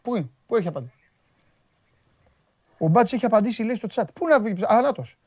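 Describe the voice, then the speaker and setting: A man hosting a sports talk show, chatting in an animated, joking way, his voice jumping high when he gets worked up. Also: no echo, clean studio sound. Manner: excitable, jokey, voice jumps high when worked up.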